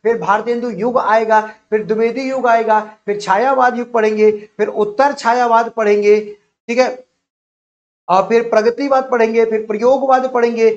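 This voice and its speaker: A man with a high-pitched voice gives an online exam-prep lecture. He walks through the syllabus in an explanatory way, repeating himself as he lists each topic. The recording sounds dull and lo-fi. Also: steady tone, normal speed. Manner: repetitive, explanatory, enumerating topics. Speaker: teacher.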